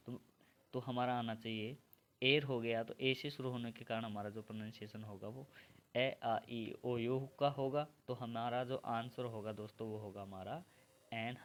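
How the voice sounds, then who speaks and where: A man from India teaches English grammar for exams step by step and keeps addressing his viewers as friends. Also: mid-range voice. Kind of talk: exam-prep grammar lesson.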